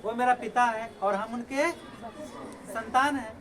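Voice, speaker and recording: A man's voice: extremely high pitch, unhurried, a crowd in the background. A male teacher giving a classroom lecture, explaining the lesson, asking students rhetorical questions and reciting verses. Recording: noisy classroom recording.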